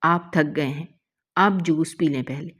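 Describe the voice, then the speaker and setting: Brief: woman voicing a sweet, coaxing young wife, low-pitched. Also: steady tone, slightly rough. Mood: gentle. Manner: soft, coaxing, affectionate. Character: devoted young wife, gentle and affectionate. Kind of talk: emotional story reading.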